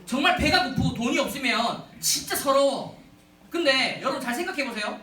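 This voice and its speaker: A man giving a humorous storytelling sermon to a youth retreat, animated and often addressing the audience, in a large echoey hall from a distance. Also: very high-pitched, a little fast.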